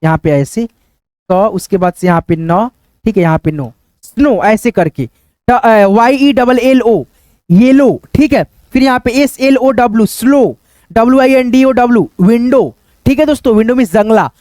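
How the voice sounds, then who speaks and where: High-voiced man teaching English spelling. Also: a little mellow, dry recording. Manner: repetitive, keeps saying "okay friends" and "look here"; spells words letter by letter, then says them slowly. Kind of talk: spelling out words in a Hindi English lesson.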